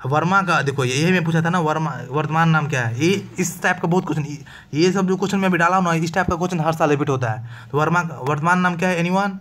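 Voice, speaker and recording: A man with a fairly bright, high-leaning voice talks fast while teaching an online exam-prep lesson. Casual and talkative, he keeps asking "clear?" to see if students are following.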